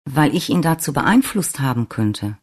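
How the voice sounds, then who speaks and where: A man's voice: mid-range voice, sing-song, normal speed, husky. A reader voicing a middle-aged father who speaks in a firm, decisive way in an audiobook.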